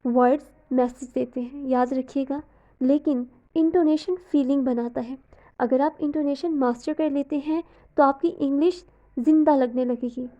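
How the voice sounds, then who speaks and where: A woman's voice: high-pitched, steady tone, moderate pace, highs cut off. A woman teaching in Hindi, narrating a scripted lesson and mixing English terms into her explanations.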